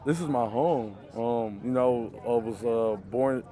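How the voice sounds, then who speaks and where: A young college football player from Michigan talks in a dark, medium-pitched voice, a little slowly, during an outdoor interview at a youth football camp. His casual answers are earnest and loose, packed with fillers, with crowd noise around him.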